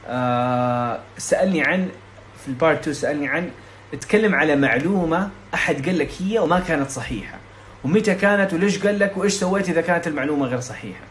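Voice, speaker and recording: A young man from Saudi Arabia, tutoring casually for an exam, talking quickly and chattily with frequent restarts and English terms mixed in. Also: on the high side, animated, slight background noise. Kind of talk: casual explanatory lesson.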